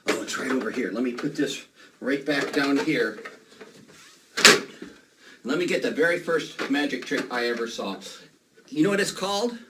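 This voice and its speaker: A man's voice: mid-range voice, animated, normal speed, long pauses. A man performing as a children's party magician, playfully coaxing kids with questions and exclamations, recorded on a noisy, distant microphone.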